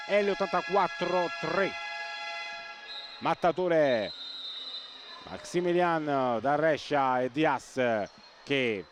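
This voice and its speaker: Excitable man calling live futsal. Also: fairly high pitch. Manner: excitable, repeats words and names for emphasis. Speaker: live futsal match commentator. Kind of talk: live Italian sports play-by-play commentary. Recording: noisy sports hall ambience.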